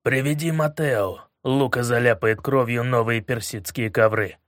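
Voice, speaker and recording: A man's voice: medium pitch, unhurried, a bit bright, dry recording, studio quality, lightly acted. A man voicing a ruthless middle-aged crime-boss father who speaks in curt, unmoved commands. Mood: cold.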